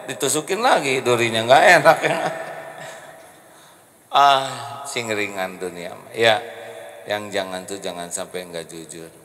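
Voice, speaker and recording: A middle-aged man with a Sundanese accent giving a joking, animated sermon on a handheld mic in an indoor hall. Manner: animated, joking, big pitch jumps. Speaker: preacher. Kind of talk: humorous sermon. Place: indoor hall with carved wooden panels. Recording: long reverb of a hall.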